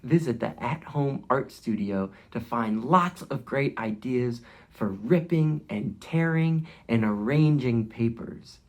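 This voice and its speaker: A man with a mid-range voice reads expressively at a slow pace, pausing rarely. He's an educator running an interactive storytime for young children, using simple guiding phrases and questions along with prompts to move.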